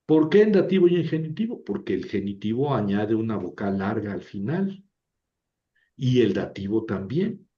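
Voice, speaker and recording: This man's voice is mellow and fairly low. He's lecturing through a language lesson, explaining with patience and often tagging on "¿verdad?" to check understanding, all captured in a dull lo-fi recording.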